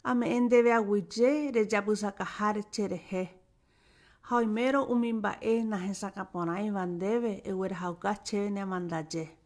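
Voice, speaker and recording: A woman teaching a language lesson, dictating words and sounds one by one with careful pauses. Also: medium pitch, fairly even intonation, a little mellow. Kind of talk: slow, deliberate language lesson.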